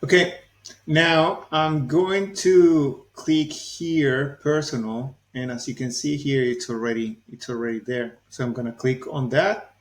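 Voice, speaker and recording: A man in his forties with a soft Venezuelan accent, talking casually through a software tutorial and thinking aloud as he clicks. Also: mid-range voice, steady tone, a little slow. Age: 40s. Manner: chatty, laughs easily, thinks aloud while clicking. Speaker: YouTube tutorial host. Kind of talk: casual screen-recorded tutorial.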